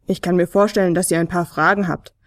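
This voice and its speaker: A woman voicing a gentle, soothing large creature with big paws in a storybook tale. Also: lowish voice, fast, dry recording, clean studio sound, close to an everyday voice. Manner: warm, soothing, calm.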